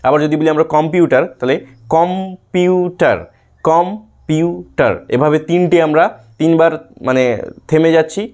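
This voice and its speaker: A man teaching a grammar lesson, patiently repeating example words slowly, syllable by syllable. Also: fairly high pitch, a little mellow. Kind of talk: lesson for students.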